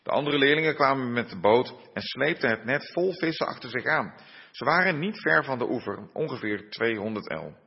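A man preaches a sermon, pausing and hesitating as he goes, then reads a Bible passage aloud. His voice is a little husky. He sounds dull and muffled, with a long reverberant tail from the church hall. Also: mid-range voice. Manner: unhurried, with frequent hesitations and fillers. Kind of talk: sermon with scripture reading.

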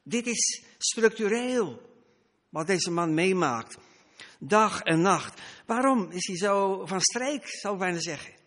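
A man's voice: high voice, lively intonation, unhurried, a bit bright, big-room sound. A man preaching a sermon, emphatic, his voice rising and dropping for stress.

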